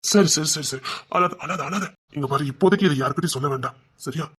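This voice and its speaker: An actor playing a caring father who soothes and coaxes his crying daughter in a TV serial, repeating himself gently. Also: a little high, fast talker, husky, faint music behind. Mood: soothing. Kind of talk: TV serial drama.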